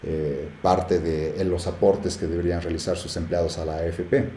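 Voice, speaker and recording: A man's voice: deep voice, flat delivery, normal speed, mellow, roomy sound, slight background noise. A man teaching a live class, chatty, with many fillers and often checking in with the students. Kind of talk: live class screen-share tutorial.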